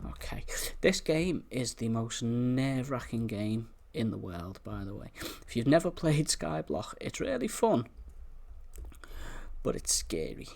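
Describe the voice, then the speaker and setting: A man's voice: mid-range voice, very animated, measured pace, vocal fry, darkish tone. A man giving casual let's-play commentary, chattily explaining each move as he plays. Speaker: gaming YouTuber.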